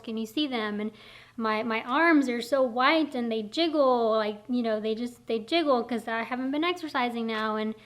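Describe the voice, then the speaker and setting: A woman's voice: high-pitched, fairly bright tone. A woman who teaches cosmetology, talking casually to the camera in a rambling, encouraging, self-deprecating way, a bit out of breath, indoors on a camera mic. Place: indoors, warm room. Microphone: camera mic, speaking to lens.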